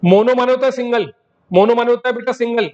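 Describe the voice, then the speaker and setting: High-voiced man teaching vocabulary. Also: fast talker, darkish tone. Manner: addresses students as beta, repeats words in drills. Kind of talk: classroom vocabulary lesson. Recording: dull lo-fi recording.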